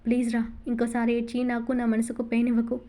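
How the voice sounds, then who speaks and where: Woman reading young loving husband, fond, coaxing, teasing, high voice, mellow tone. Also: a little fast, lightly acted. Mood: soothing. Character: young man, an ardent tender loving husband. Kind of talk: audiobook novel reading.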